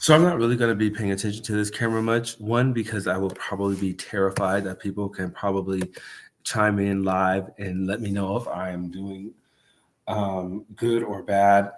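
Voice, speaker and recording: A man's voice: lowish voice, flat delivery, normal speed, a little hiss or hum. A man hosting his podcast, chatting casually on a livestream with a stuffed-up nose, rambling loosely and dropping swear words and slang. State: congested nose. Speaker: podcast host.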